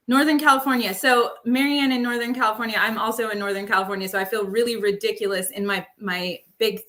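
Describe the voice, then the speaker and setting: A woman hosts a live online show in a casual, upbeat way, with plenty of fillers. Her voice is bright and sits a little high. She talks into a makeshift microphone. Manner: chatty, upbeat, many fillers. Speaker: livestream host. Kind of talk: casual live webinar hosting.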